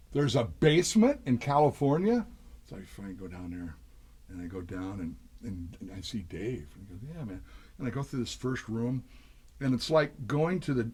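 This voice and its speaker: An older man with a husky, slightly breathy voice spins long studio anecdotes. He wanders through them with fillers and restarts, sitting at a middle pitch for a man. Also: darkish tone. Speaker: session drummer guest. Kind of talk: storytelling interview chat.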